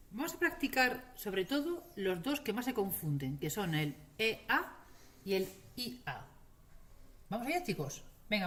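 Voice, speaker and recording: A woman teaching pronunciation, speaking slowly and stretching out each example word so learners can repeat it. Her pitch swings widely, rising and falling through every sentence. She delivers the lesson straight to camera. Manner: slow, drawn-out model pronunciations, repeating words for learners. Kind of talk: classroom-style lesson to camera.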